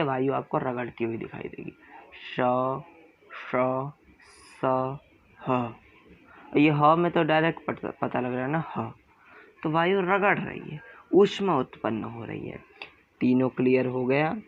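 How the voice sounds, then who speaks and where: A man teaching Hindi grammar, explaining in a classroom style, asking questions and answering them himself, and repeating sounds slowly. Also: medium pitch, vocal fry, muffled recording.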